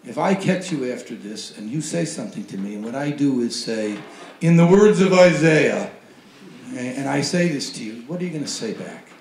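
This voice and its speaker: A man's voice: medium pitch, lively intonation, brisk, hardly any pauses, a little mellow, slight background noise. A man giving a wry, conversational talk on a panel, acting out quoted voices in asides. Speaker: panel speaker. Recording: roomy hall recording.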